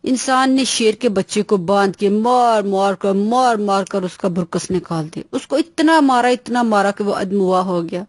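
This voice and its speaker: A woman's voice: mid-range voice, hardly any pauses, no room sound, studio quality. Woman reading a bedtime story. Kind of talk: children's bedtime story narration.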